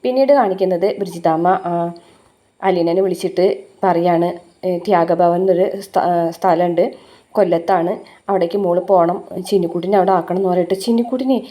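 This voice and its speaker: A woman's voice: lowish voice, fairly even intonation, normal speed, long pauses, mellow. A woman casually recapping a TV serial episode, chatty and full of fillers. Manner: chatty retelling with frequent "uh" fillers.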